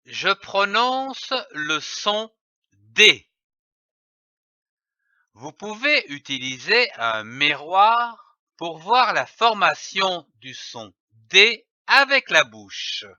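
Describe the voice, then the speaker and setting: A man giving a scripted reading lesson, spelling letters and syllables out slowly and clearly. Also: high-pitched, big pitch swings, bright, forceful tone, no room sound. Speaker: reading teacher. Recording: dull, slightly lo-fi audio.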